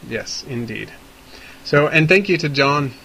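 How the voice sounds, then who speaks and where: A man's voice: on the high side, animated, a little slow, gravelly, bright, forceful tone, a little hiss or hum, poor audio. A man hosting a podcast, explaining things casually but with precise, slightly formal wording. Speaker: podcast host.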